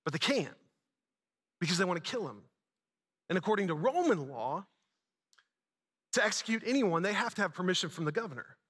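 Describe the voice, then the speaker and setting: A man's voice: sits high, very animated, fairly quick, long pauses, fairly bright tone, husky. A man preaching a conversational church sermon in informal, slangy wording, emphatic, with repeated phrases and rhetorical questions. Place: large reverberant indoor church space. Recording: hall reverb on the voice.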